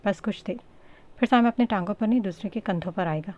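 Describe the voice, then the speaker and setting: A woman's voice: medium pitch, quick pace, dark tone, natural voice. A woman voicing a scheming, gloating middle-aged villainess in a romance audiobook, with a mocking, taunting manner.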